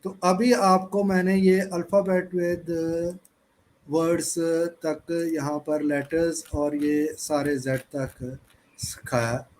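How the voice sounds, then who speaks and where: A man teaching English in an online class, speaking slowly and spelling out words letter by letter. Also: fairly high pitch, fairly even intonation, a little mellow. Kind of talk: online class lecture mixing Hindi and English.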